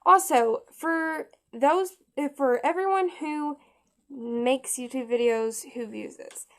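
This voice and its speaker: A woman giving a casual step-by-step craft tutorial, chatty and halting with frequent restarts. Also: sits high, fairly bright tone.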